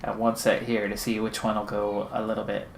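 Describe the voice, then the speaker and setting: A gaming channel host does let's-play commentary on a racing management game, talking through his race strategy in an anxious, pleading running commentary. His lowish voice is monotone, fairly quick, and has vocal fry. The audio is poor, reverberant, and carries a little hiss or hum.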